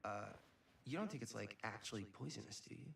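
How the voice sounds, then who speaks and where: A man's voice: fairly low pitch, quick pace, vocal fry, fairly bright tone, slight background noise. A man playing a joking, skeptical teenage boy in a video game. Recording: echoey, distant game dialogue over music.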